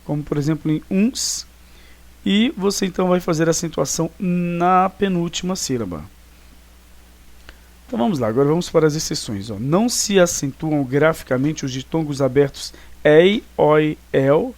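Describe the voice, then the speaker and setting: A man's voice: fairly high pitch, animated, normal speed, darkish tone. A man with a Brazilian Portuguese accent, teaching a recorded grammar lesson in an explanatory way, checking in with the class often. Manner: explanatory, frequent tag questions.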